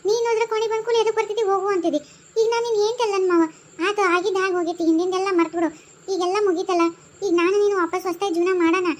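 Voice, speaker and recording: A woman's voice: very high-pitched, steady tone, rapid-fire. A woman with a North Karnataka Kannada accent voicing characters in a home-made cartoon comedy, chatty and pleading. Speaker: cartoon narrator and voice artist. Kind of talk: cartoon voice acting.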